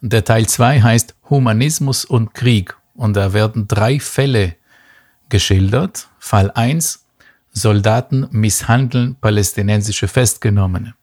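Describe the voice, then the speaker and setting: A man from Israel with a fairly low voice talks through a question slowly and carefully. He often pauses on fillers and restarts his sentences. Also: a little mellow. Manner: thoughtful, measured, many fillers and restarts. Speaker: guest expert. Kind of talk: explanatory podcast talk.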